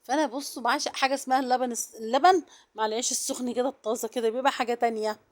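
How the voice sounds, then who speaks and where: Fast-talking Egyptian woman vlogger. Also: steady tone. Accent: Egyptian Arabic. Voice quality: soft, low-volume voice. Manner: chatty, addresses viewers directly. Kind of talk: casual vlog narration.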